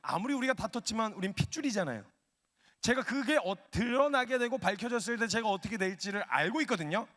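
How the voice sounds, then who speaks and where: Guy preaching, high voice, super lively storytelling, big hall echo. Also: fast. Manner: animated storyteller, acts out quotes. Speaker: missionary preacher. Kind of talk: story-driven sermon with humor. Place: worship gathering hall. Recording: long hall reverb.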